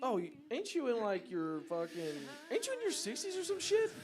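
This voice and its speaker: A man's voice: extremely high pitch, huge pitch swings, fairly quick. A man in his twenties, a band guest on a radio show, joking crudely and laughing in casual banter. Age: 20s. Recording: crowd chatter behind.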